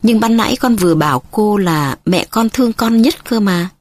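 A woman's voice: mid-range voice, expressive, moderate pace, dry recording, studio quality, close to an everyday voice. A woman reading the part of a worried young female tutor who presses a child with urgent questions, in an audiobook. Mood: pressing.

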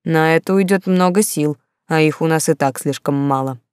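A woman's voice: low-pitched, normal speed, darkish tone, clean tone, no room sound, studio quality, lightly acted. A woman voicing a grumbling, irritable ghostly marquis in an audiobook.

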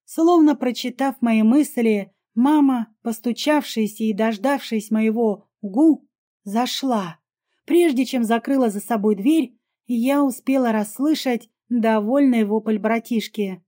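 A woman narrates a first-person audiobook with lively, expressive storytelling. Her voice is slightly high but mellow and warm. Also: measured pace.

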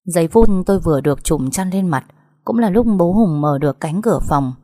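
A woman narrates a first-person story. She reads softly and earnestly, and her voice sits a little low. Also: lively intonation, fairly quick.

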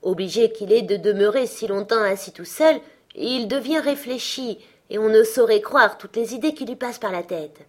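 A woman's voice: a little high, normal speed, natural voice. A woman reading a storybook voices a poor, loving father, earnest and emotional. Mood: tender. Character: poor, loving father Bob, cheerful then saddened.

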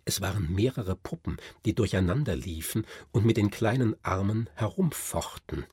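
A man narrates an audiobook with expressive, lively storytelling. His pitch swings widely while his tone stays very husky and breathy. The studio sound is close and dry. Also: normal speed, no room sound. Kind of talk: scripted narration.

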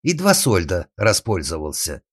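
A man voicing a sobbing, simple-minded young woman in an audiobook, wailing out drawn-out words. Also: low voice, huge pitch swings, husky, no room sound, exaggerated voice. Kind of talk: audiobook narration.

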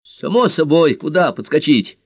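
Man voicing a young radio operator, raised pitch, casual, a bit nervous, dry sound. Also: expressive, moderate pace, no echo, lo-fi sound. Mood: tense. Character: young male radio operator, tense but playing casual.

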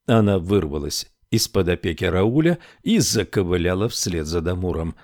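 Low-voiced male audiobook narrator. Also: expressive, darkish tone, dry recording, clean studio sound. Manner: measured storytelling. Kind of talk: scripted narration.

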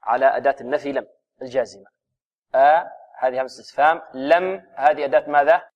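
A man teaching Quran recitation rules on a radio lesson. He recites verses slowly and explains by asking questions and answering them himself. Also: medium pitch, fairly even intonation, lo-fi sound. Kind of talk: tajweed lesson on a radio program.

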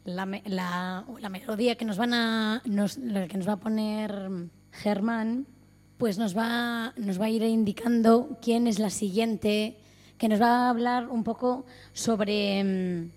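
Halting woman moderator over music. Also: medium pitch, steady tone, darkish tone. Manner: halting, searching for words. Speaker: round table moderator. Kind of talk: introducing speakers. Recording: music playing behind the voice.

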